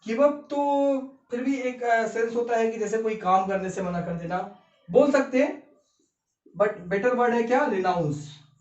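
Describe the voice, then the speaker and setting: A man teaching vocabulary, explaining word meanings in an animated way and often asking and answering his own questions. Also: very high-pitched, measured pace. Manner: animated, repetitive questioning, calls viewers beta and bhai. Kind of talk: explaining lesson in Hindi and English. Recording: echoey room, mic at a distance, dull sound.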